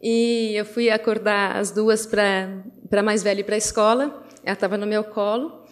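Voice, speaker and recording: A middle-aged Brazilian woman gives an opening speech in an event hall, speaking in a mid-range voice at a moderate pace. She tells stories about her daughters, acting out their voices with energy and restarting often. The recording carries long hall reverb.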